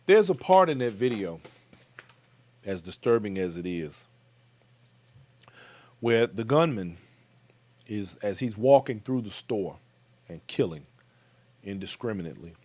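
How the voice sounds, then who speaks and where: An American man delivers commentary with an emphatic, direct manner, often addressing his viewers. His pitch swings widely as he speaks. The sound is dry and close, with no room around it. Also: very animated, measured pace, long pauses, darkish tone, dry recording. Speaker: commentary show host. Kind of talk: talk-show commentary.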